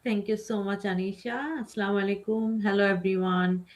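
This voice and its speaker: A woman's voice: mid-range voice, steady tone, fairly quick, a little mellow. A woman from Bangladesh introducing herself on an online panel, polite and a little hesitant, over a video call. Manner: hesitant, polite, many fillers. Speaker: panel guest.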